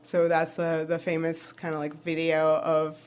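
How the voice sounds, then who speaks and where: A woman co-hosting a casual fan podcast, talking in an animated way with quick asides and frequent laughs. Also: deep voice, clean tone. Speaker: podcast co-host.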